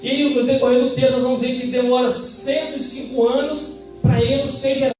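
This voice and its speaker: A man's voice: very high voice, level tone, fairly quick, a little mellow, soft background music. A man with a Brazilian Portuguese accent preaching a fervent sermon and calling for amens from the congregation. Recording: echoey church hall, mic at a distance.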